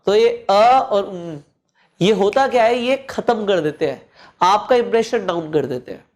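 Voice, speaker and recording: A man teaching presentation skills, speaking in deliberate pauses and swinging his voice up and down to stress points. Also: expressive, darkish tone. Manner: deliberate pauses and swings in pitch to show modulation; repeats phrases for emphasis, addresses listener directly. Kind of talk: coaching lesson mixing Hindi and English.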